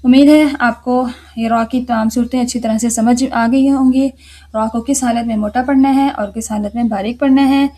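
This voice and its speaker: Bright-voiced woman teaching slowly. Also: a little high, fairly even intonation. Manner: repeats key words slowly, asks and answers her own questions. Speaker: tajweed teacher. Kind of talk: explanatory lesson with repetition.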